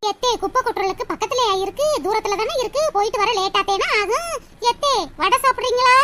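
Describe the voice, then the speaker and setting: A performer voicing a cheeky young daughter-in-law in a cartoon. She speaks in a Tirunelveli Tamil accent and answers in quick, teasing, sing-song replies. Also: extremely high pitch, bright, forceful tone. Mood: chatty. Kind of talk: cartoon voice acting.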